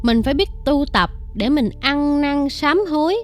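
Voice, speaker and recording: A woman voicing a calm Buddhist nun who explains karma in a slow, measured way. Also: sits high, soft background music. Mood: solemn.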